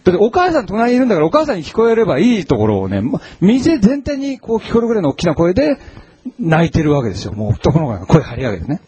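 A man's voice: high voice, very fast, breathy edge. A male pastor giving a conversational sermon, with many fillers and rising emphasis. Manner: conversational, animated preaching with frequent fillers.

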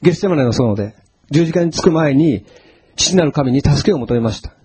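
A man preaching a sermon as a pastor, telling Bible stories in an animated way and acting out the quotes. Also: a little high, a little fast, slight background noise.

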